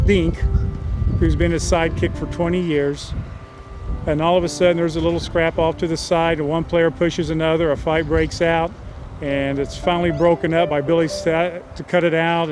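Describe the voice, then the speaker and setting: Casual man telling a story over music. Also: fairly high pitch. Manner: casual, with fillers and restarts. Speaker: screenwriter. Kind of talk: storytelling a film synopsis. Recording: music playing behind.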